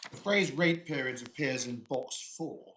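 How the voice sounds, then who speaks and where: A man's voice: mid-range voice, unhurried, fairly bright tone, a little hiss or hum, poor audio. A man, a judge, putting terse, pointed questions from the bench in court.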